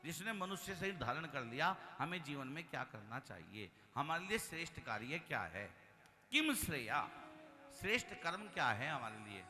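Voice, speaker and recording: Animated male preacher in a reverberant hall. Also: on the high side, normal speed. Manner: animated, with sudden loud calls and chanted Sanskrit verses. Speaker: Bhagavata katha preacher. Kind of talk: devotional sermon. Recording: long hall reverb with faint music.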